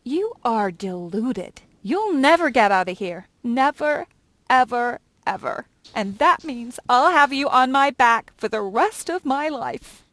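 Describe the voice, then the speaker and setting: A woman's voice: sits high, expressive, takes it slowly, a bit bright, dry recording, exaggerated voice. An actress playing a sarcastic, scornful young woman shopkeeper in a video game, mocking and theatrical.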